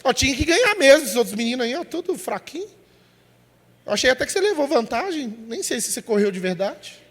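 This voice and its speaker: A man delivers a sermon in a bright, high voice. He is emphatic and direct, calls listeners "brother" and acts out the people in his examples. His words carry a long reverb from a church hall. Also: big pitch swings, quick pace. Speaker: preacher.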